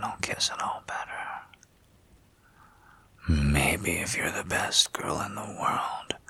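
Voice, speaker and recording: A woman whispering close and intimately, her voice husky and full of breath. Under the whisper there is a gravelly, crackling texture, with a bright, sharp edge at the front of it. She teases and gives commands, urging her listener on over and over. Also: a bass voice. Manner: teasing, commanding, repetitive urging. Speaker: audio roleplay performer. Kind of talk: whispered intimate audio roleplay.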